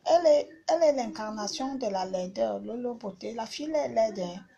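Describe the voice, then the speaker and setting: A woman's voice: on the high side, expressive, moderate pace, vocal fry, warm tone, highs cut off. A woman hosting a live stream, talking casually and bluntly, repeating herself as she insults her critics.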